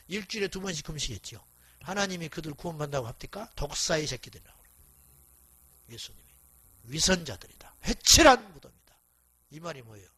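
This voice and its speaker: Male pastor, middle-aged, revival preacher; bright, forceful tone, blunt and scolding delivery. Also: sits high, husky. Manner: blunt, scolding preaching with rhetorical questions to the congregation. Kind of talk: revival sermon.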